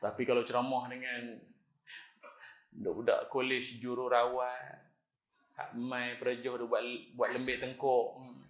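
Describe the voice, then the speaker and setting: A middle-aged man with a northern Malaysian Kedah accent, giving an animated, jokey mosque lecture and acting out the voices in his stories. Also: medium pitch, unhurried, roomy sound. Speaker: preacher. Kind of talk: lively mosque lecture with storytelling.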